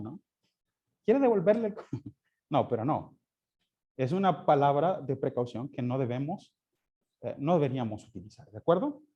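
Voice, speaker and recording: A man's voice: on the high side, dark tone, husky, lo-fi sound. A man teaching a Sunday school class, often asking his listeners questions and answering them himself. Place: church classroom.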